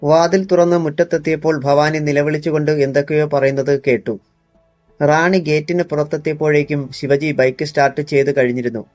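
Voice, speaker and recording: A man's voice: on the high side, fairly even intonation, fairly quick, darkish tone, dry recording, faint music behind. A man reading a crime thriller audiobook in a tense, dramatic narrating style into a close studio mic.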